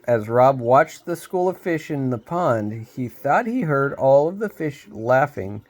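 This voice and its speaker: A man reading a storybook aloud, unhurried, with small slips he laughs off. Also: medium pitch, sing-song.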